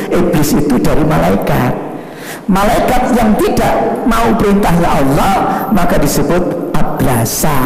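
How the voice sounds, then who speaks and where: Gravelly, high-voiced male preacher. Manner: animated, swinging between loud emphatic shouts and low drawn-out phrases. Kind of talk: sermon. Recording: echoey room with music behind.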